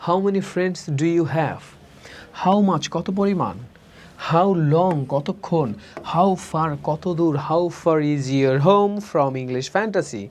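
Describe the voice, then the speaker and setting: A man's voice: on the high side, expressive. Man drilling English words. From Bangladesh. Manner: drills words slowly, repeating each form twice. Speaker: English teacher. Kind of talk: recorded spoken-English lesson.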